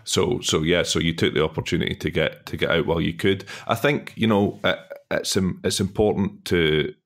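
A man's voice: low-pitched, fairly even intonation, moderate pace, gravelly. A man from the UK hosting a podcast interview, talking hesitantly with many repeated words. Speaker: podcast host. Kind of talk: conversational interview.

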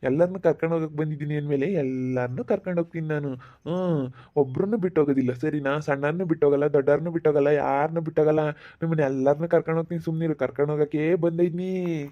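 A man acts out a boastful thief who creeps through the fields at night, drawling and coaxing in a singsong village voice. The voice sits a little high, and the sound is dull and lo-fi. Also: fairly even intonation, quick pace, close to an everyday voice. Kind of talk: village skit acting.

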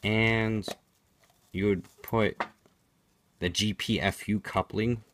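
A man's voice: lowish voice, fairly even intonation, slow, noisy background. A man giving an unscripted product demonstration in a matter-of-fact, explanatory way, as a reviewer.

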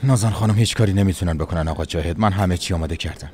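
A man dubbing a calm, polite lawyer briefing his employer on a court case. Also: sits low, soft background music, lightly acted. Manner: measured, polite. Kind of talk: Persian dub of a TV series.

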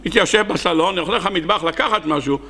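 A man with an Israeli accent, a rabbi preaching a sermon and telling parables, acting out the characters in them. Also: sharp tone. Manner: storytelling, acting out characters with sudden high cries. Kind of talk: Hebrew sermon with acted parables.

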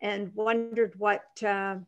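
Slow, halting woman moderating a webinar. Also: medium pitch, flat delivery, clear, resonant tone, dull audio. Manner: slow, halting, many fillers. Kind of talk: hosting a Q and A webinar.

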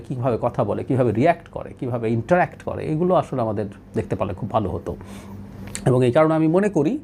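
Bangladeshi male commentator, fairly high voice, lively argumentative delivery with pauses and rhetorical questions. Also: a little hiss or hum. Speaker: political commentator. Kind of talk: opinion monologue.

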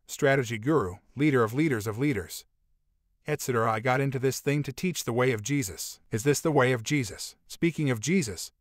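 A man reading a first-person book aloud in a steady, measured way, with conversational asides. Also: mid-range voice, no echo, clean studio sound. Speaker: audiobook narrator. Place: voice-over.

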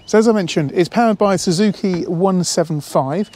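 A slightly high-voiced man in his thirties walks a camera through a boat outdoors at a marina. He talks with enthusiasm, repeating words and dropping in fillers as he points things out. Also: moderate pace, a little mellow. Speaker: boat salesman. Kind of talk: walkthrough tour. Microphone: handheld camera, speaker walking around it.

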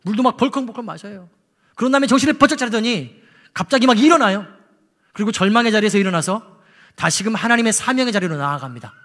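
In a church sanctuary that sounds like a large hall, a man with a high voice preaches a sermon at a quick pace. He tells a story in a lively, emotional way, acting out the people in it and voicing their quoted words with feeling.

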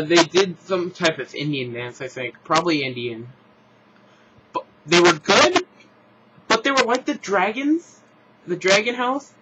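A man's voice: a little high, highs cut off, background noise. A man rambling frankly through a casual vlog review, restarting and correcting himself as he goes. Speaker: show reviewer. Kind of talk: casual opinionated vlog commentary.

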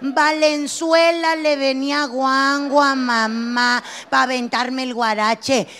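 A woman's voice: sits high, little pitch movement, fairly bright tone. A middle-aged woman with a northern Mexican accent doing a brash stand-up comedy monologue, acting out a scolding mother. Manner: brash, quick-switching, acts out scolding mother.

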